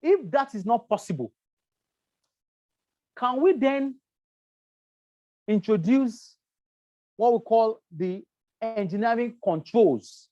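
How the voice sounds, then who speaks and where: An emphatic safety trainer lecturing through slides, hammering key points with repetition and filling gaps with um. The voice sits at an ordinary middle pitch. It is recorded dry, with no room echo. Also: expressive, slow pace, pauses often, dark tone, lo-fi sound. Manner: emphatic, repeats key points, frequent um fillers.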